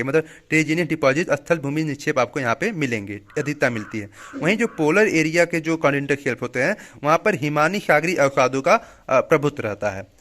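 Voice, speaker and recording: A man's voice: on the high side, fairly bright tone. Man lecturing with repeated "okay" check-ins. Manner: explains each term twice, frequent "theek hai" check-ins. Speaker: teacher. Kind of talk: Hindi classroom lecture mixed with English terms.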